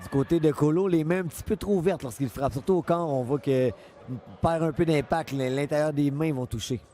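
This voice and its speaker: A man's voice: fairly high pitch, fairly quick, warm tone, a little hiss or hum. A man with a Quebec French accent giving live, unscripted boxing commentary, analytical and often repeating his phrases.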